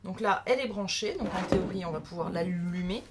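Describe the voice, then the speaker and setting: A French woman vlogs about crafting, chatting casually and thinking aloud as she unboxes a new crafting machine. Her voice is lowish and a little fast, and the recording is very noisy.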